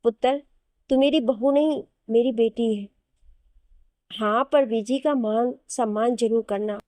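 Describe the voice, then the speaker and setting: A woman's voice: a little high, fairly even intonation, a little slow, dark tone, no echo, close to an everyday voice. A woman voicing an affectionate yet firm middle-aged mother-in-law in an audio novel. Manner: motherly and scolding by turns. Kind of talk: Hindi audio novel reading.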